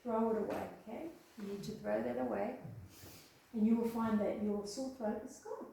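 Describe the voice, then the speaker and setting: A woman's voice: on the high side, steady tone, normal speed, creaky, mellow, recorded from a distance. Chatty woman demonstrating in an echoey room. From Australia. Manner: chatty, checks in with "okay?" and "eh?". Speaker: health presenter. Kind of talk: hands-on health demonstration. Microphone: far room microphone.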